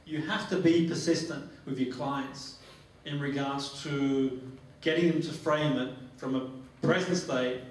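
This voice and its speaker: Speaking a little slowly with few pauses, this man has a mid-range voice and fairly even intonation. As a phobia therapy trainer, he demonstrates guided relaxation to a group, instructing and repeating phrases. The recording is very echoey from a distant mic in the training room, with faint noise.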